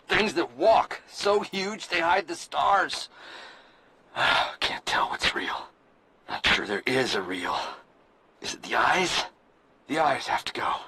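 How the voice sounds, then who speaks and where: An actor playing an unhinged male expedition survivor losing his mind, speaking in halting, breathy fragments. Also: a little high, bright, forceful tone, exaggerated voice. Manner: clipped, broken phrases with sudden outbursts. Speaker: game character, expedition survivor. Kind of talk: recorded journal monologue. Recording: noisy game audio.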